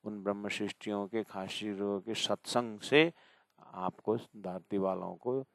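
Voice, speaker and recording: A man giving a devotional discourse as a spiritual teacher, addressing his listeners directly and repeating verses slowly. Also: fairly low pitch, steady tone, vocal fry, no room sound.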